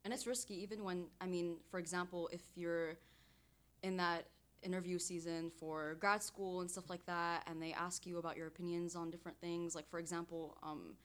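Young female guest from Syria, chatty and lively in her telling, lower smooth voice. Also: normal speed. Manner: animated storytelling, quoting others. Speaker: podcast guest. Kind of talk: casual podcast chat. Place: studio.

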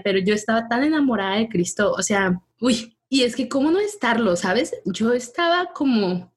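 A woman telling her personal faith testimony in casual conversation, animated and quick to laugh as she acts out what people said. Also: a little high, breathy edge. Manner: animated storytelling, laughs often, acts out dialogue.

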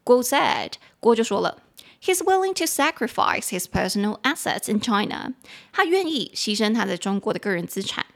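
A woman's voice: mid-range voice, normal speed, creaky. Chatty woman teaching English. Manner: chatty and animated, mixing English phrases into Mandarin and spelling words out. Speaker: podcast host and English teacher. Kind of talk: casual explanatory podcast lesson.

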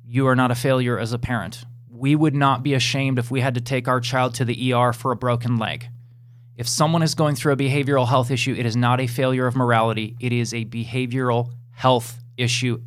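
A man hosting a podcast, closing the episode in an earnest, encouraging way and reading out the outro. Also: mid-range voice. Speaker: podcast host. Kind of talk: podcast host wrap-up and outro.

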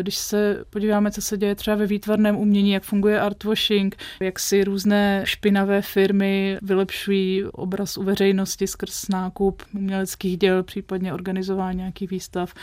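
Woman critic, interview guest, thoughtful and searching, flat delivery, close dry sound. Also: medium pitch, no echo. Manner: thoughtful, measured, searching for words. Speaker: literary critic and magazine editor.

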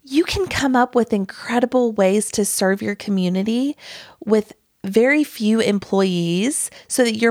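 An emphatic woman podcast host in her thirties with a drawl, talking straight to her listeners as friends. Her voice sits at a middle pitch and is recorded up close with a dry, roomless sound. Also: no echo. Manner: earnest, emphatic, addresses listeners as friends and y'all. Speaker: podcast host and small business owner. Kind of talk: scripted solo podcast talk.

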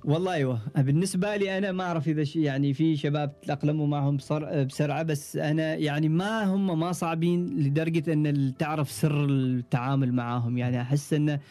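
Fast-talking Omani man telling stories. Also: on the high side. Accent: Omani Arabic. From Oman. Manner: relaxed storytelling, frequent trailing restarts. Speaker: podcast guest, ship engineer. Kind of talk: casual interview chat.

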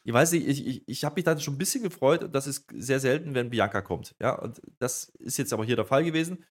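A man hosting a casual wrestling review chat, animated and acting out quotes as he goes. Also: mid-range voice, fast talker. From Germany.

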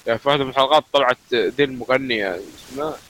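Dude cohosting, jokey, talks super fast, kinda bright higher voice. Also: male voice, a little hiss or hum, poor audio. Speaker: podcast co-host. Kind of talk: casual podcast chat.

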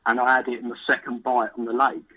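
A young man tells his story in a husky, forceful voice. He talks in an excited, vivid way and drops the odd swear word. His voice sits at an ordinary pitch. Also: quick pace, low-quality recording. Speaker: podcast guest, carp angler. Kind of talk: casual storytelling chat.

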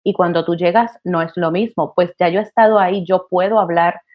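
A woman, a counselor talking as a podcast guest, passionate and animated, with many fillers. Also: on the low side, brisk. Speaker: guest, college admissions counselor. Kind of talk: conversational podcast interview. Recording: slightly dull podcast audio.

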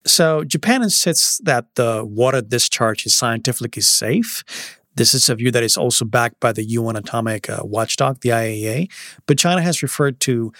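A man's voice: mid-range voice, moderate pace, a bit bright, no room sound, clean studio sound. A man who is a staff writer, explaining news as a guest in a podcast interview. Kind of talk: explanatory news analysis in conversation.

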